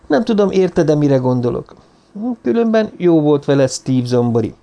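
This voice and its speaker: A man's voice: a little high, big pitch swings, gravelly, warm tone, pitched above the performer's own voice. A man voicing a cold, bitter woman.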